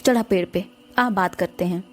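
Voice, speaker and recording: A woman's voice: medium pitch, normal speed, natural voice. A woman voicing a taunting tree spirit. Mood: menacing. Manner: taunting, threatening. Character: menacing male tree spirit possessing an aunt.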